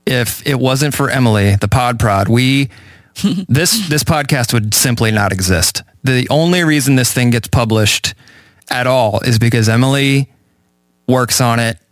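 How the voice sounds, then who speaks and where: A man's voice: mid-range voice, measured pace, dry recording. Playful man hosting a church podcast. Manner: playful, jokey intros. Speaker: podcast host. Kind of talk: casual church podcast chat.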